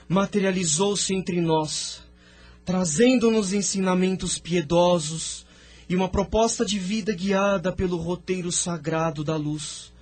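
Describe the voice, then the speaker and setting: For an audio drama, an actor plays a solemn, sorrowful seer recounting his world's past. He speaks in a high voice, reverent and drawn out, with a solemn, regretful mood.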